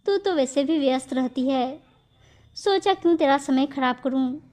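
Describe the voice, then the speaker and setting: Storybook role: gentle older mother-in-law, mild and soft-spoken, read by a woman. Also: high voice, unhurried.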